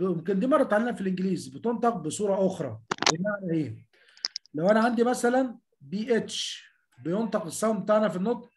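A man's voice: high-pitched, a little mellow. A man with an Egyptian Arabic accent giving a lecture on medical terminology, drilling pronunciation syllable by syllable and often calling out to his class. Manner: repetitive, addresses students as a group, drills pronunciation syllable by syllable. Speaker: university lecturer.

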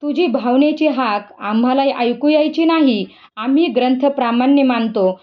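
A woman's voice: high-pitched, moderate pace, highs cut off, close to an everyday voice. A woman voicing a proud, angry elderly male Brahmin scholar with a scolding, indignant manner in a storybook reading. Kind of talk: storybook reading with voiced characters.

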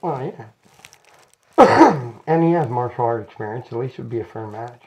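A man's voice: mid-range voice, animated, normal speed, a little mellow. A middle-aged man, a chiropractic patient, chatting casually and ramblingly while lying down for treatment. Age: 40s or 50s. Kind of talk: casual chat during a treatment. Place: small chiropractic office, indoors. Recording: noticeable background noise, clicks.

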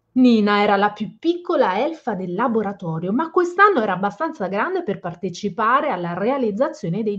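A woman reading a children's picture book aloud and gently explaining the story to children. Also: medium pitch. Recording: slightly dull lo-fi sound.

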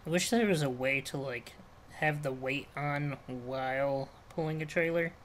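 A man's voice: medium pitch, a little slow. Man, let's play co-host, casual gaming chat, joking and swearing, faint hiss. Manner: joking, swears often, loud outbursts.

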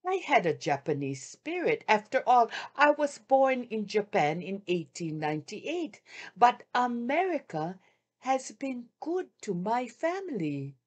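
An older woman on a video call, reading a first-person wartime memoir aloud in a measured, heartfelt way with long pauses. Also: fairly high pitch, big pitch swings. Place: home room with shoji screens. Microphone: video call webcam.

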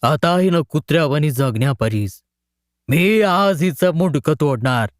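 A man voicing an enraged, grieving village farmer in a storybook reading, speaking slowly and heavily. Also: fairly high pitch, animated, dry recording, clean studio sound. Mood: grim.

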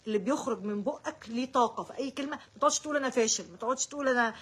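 A woman's voice: sits high, very fast, breathy edge. A woman with an Egyptian Arabic accent giving daily horoscope forecasts, rattling off short repeated words and speaking straight to each sign. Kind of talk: casual direct-to-viewer horoscope talk.

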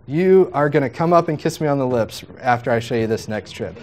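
Upbeat man teaching a software workshop. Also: medium pitch, animated, fairly quick. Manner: upbeat, jokey, chatty teaching with quoted asides. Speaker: music software trainer. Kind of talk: live workshop demonstration.

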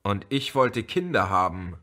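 A man's voice: fairly low pitch, sing-song, measured pace, bright, forceful tone, exaggerated voice. A man reading an audiobook, voicing a puzzled, defensive teenage girl. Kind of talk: audiobook character voice.

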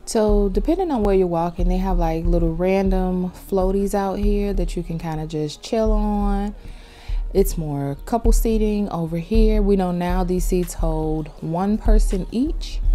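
Mellow, chatty woman touring a virtual beach. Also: fairly low pitch. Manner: relaxed, chatty, lots of "little" and "like". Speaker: vlogger touring a virtual world. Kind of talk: casual narrated tour.

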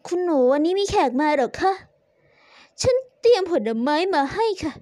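Very high-voiced woman storyteller. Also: big pitch swings, moderate pace, dark tone, no room sound, clean studio sound. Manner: switches voices for each character. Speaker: storyteller voicing all roles. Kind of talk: dramatized story reading.

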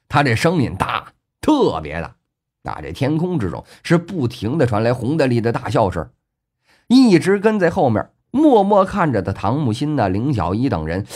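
Husky storyteller man with animated delivery. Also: lowish voice. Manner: colloquial storyteller, many drawn-out filler particles. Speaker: audiobook narrator. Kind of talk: storyteller-style novel narration.

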